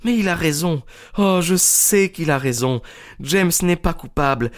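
A man's voice: a little high, lively intonation, measured pace, pitched above the performer's own voice. A man voicing an agitated young woman in a storybook reading, pleading urgently in a raised voice. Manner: pleading, breathless insistence.

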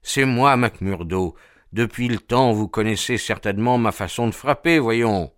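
A man voicing a gruff, suspicious male porter who is a former boxer, talking bluntly in plain colloquial speech. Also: fairly low pitch, measured pace, no room sound, studio quality, close to an everyday voice. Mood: stubborn. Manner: blunt, colloquial, dropping negations.

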